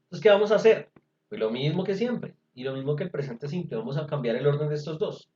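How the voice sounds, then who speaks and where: A man's voice: a little high, lively intonation, quick pace, mellow, slight background noise. Man tutoring over an echoey call. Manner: patient, explaining step by step. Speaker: English tutor. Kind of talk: virtual class teaching. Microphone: video call. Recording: echoey, dull video-call audio.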